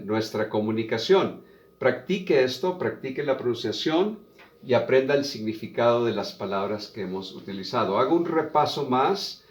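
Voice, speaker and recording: A male teacher talks a beginner class through English phrases, repeating each one with slow, careful emphasis. His voice sits at a middle pitch and carries an echo from the room around him. He keeps a plain classroom manner throughout. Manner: slow, deliberate drill of example phrases.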